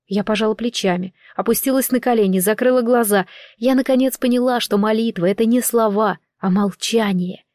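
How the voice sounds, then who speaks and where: A woman narrating a first-person fantasy audiobook in a wry, even storytelling manner. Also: on the high side, brisk, no room sound, clean studio sound. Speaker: audiobook reader.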